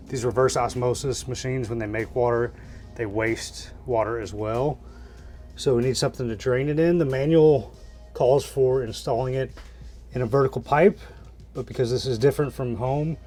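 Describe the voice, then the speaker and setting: Male DIY vlogger, mid-pitched, plain-spoken, narrating hands-on work in the tight interior of a camper, music behind. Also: darkish tone. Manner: plain-spoken, thinking aloud as he works. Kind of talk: hands-on installation tutorial, casual narration. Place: inside a camper, small indoor space.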